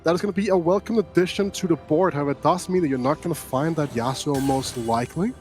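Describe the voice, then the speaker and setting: A man's voice: fairly high pitch, fast talker, a little mellow. A man giving analytical color commentary on an esports match, often saying "like" and "right?" as he thinks aloud. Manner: talks it through with many "like" and "right?" tags. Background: faint background music.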